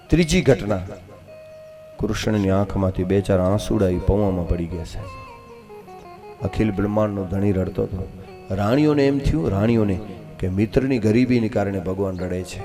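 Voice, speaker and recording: A man, telling a devotional scripture story with dramatic swings between loud and soft. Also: lowish voice. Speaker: religious storyteller.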